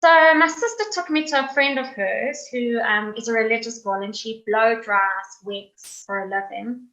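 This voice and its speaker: Bright-voiced woman telling her story. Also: on the high side, normal speed, echoey room, muffled recording. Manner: candid, conversational storytelling, acting out what people said. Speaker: guest speaker, cancer survivor. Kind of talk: personal testimony in a webinar. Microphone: video call.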